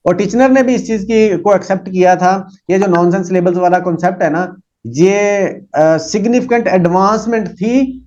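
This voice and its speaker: A man teaching a psychology lesson. He reads English lines slowly and explains them with many fillers. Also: high-pitched, darkish tone. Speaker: psychology lecturer. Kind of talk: lecture reading English text and explaining in Urdu-Hindi. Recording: dull lo-fi recording.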